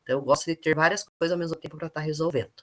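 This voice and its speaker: Brazilian teacher, deep-voiced for a woman, thoughtful call intro. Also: steady tone, racing. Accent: Brazilian Portuguese. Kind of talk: online class introduction.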